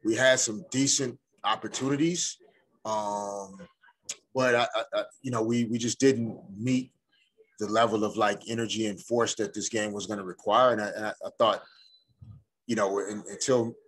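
A middle-aged man, a head coach, answers postgame press questions in a measured, thoughtful way. He often pauses to find his words, and he is recorded on a desk microphone in an indoor press room. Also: fairly low pitch, fairly even intonation, fairly bright tone, breathy edge. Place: indoor press room before a sponsor backdrop. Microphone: desk microphone in front of him.

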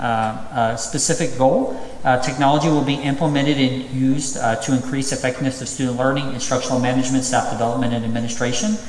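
At a school district public hearing, a man in his thirties works through a list of items from the podium, his delivery peppered with ums and uhs. His medium-pitched voice comes with a bit of hiss or hum. The echo and distant reverb of a large, empty auditorium are audible through the podium mic.

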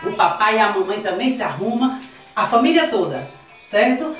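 A Brazilian kindergarten teacher talks to small children in a patient, sing-song way and sounds words out slowly. Her voice sits at a middle pitch. The room is echoey, with faint music underneath. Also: big pitch swings. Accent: Brazilian Portuguese. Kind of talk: slow, clear online lesson for young children.

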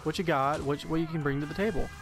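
A man's voice: on the high side, fast, loud music behind the voice. A young man doing jokey, rambling let's-play commentary as channel host.

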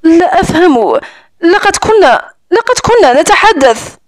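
A woman reading the part of a gentle young female guide, soft-spoken and anxious. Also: very high voice, big pitch swings, a little slow, no echo, clean studio sound, pitched above the performer's own voice, full character voice. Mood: flustered.

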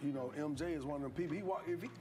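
A man's voice: fairly high pitch, very fast, over music. A man telling a long, profane anecdote in casual talk, laughing often. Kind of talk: casual storytelling.

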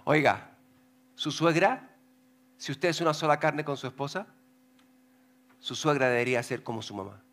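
High-voiced animated male pastor. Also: normal speed, long pauses. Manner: animated, joking, acts out voices while reading scripture. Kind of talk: lively sermon. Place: church.

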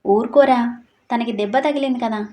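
A woman voicing a gentle, caring older mother-in-law who soothes the family in a read-aloud story. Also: a little high, brisk, lightly acted.

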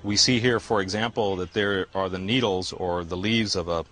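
A man's voice: low-pitched, fairly even intonation, moderate pace, fairly bright tone, soft background music. A middle-aged man, a scientist, explaining informally in the field for a nature documentary. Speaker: paleobotanist. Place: outdoors at a rock shelter.

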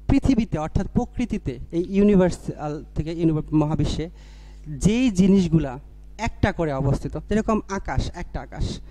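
A man's voice: sits high, dark tone, no room sound. A man teaching an English grammar lesson, explaining step by step, asking questions and answering them himself, and mixing English terms into his speech. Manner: explains step by step, repeats key phrases.

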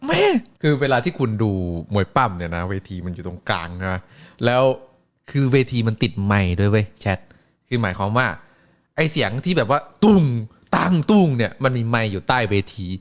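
Animated streamer man, lively pitch. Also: brisk. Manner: animated, crude slang, acts out voices. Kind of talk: casual storytelling chat.

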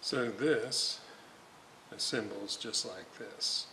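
A radio restorer works through a repair at his indoor workbench, slowly muttering to himself as he goes in a hands-on walkthrough. His voice is lowish, creaky and sharp-toned, and the audio is poor with slight background noise.

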